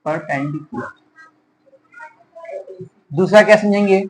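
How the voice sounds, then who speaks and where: A classroom math teacher at an average pitch who keeps asking the pupils questions and echoing their answers back. The teacher calls them children and dear, and a faint hiss sits under the voice. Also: slow. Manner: call-and-response questioning, repeats each answer back.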